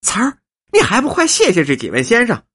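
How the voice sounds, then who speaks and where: A man voicing a fussy, flattering old woman in a storybook reading, with a husky voice. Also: a little fast, full character voice. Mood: gushing. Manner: shrill, gushing and flattering.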